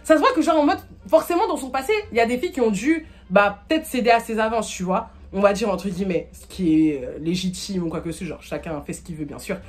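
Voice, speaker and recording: A young woman in her 20s, a storytime vlogger, tells a story casually to camera. Her medium-pitched voice moves fast, and her chatty, rapid delivery is packed with fillers and acted-out quotes.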